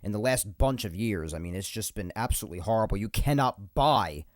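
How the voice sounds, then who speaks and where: A young New Yorker hosts his solo podcast in a casual monologue, his voice fairly low-pitched, expressive and fairly quick. He sounds a little nasal and congested from a cold, rambling, repeating himself and laughing between points. It's a dry, studio-quality recording on a podcast microphone.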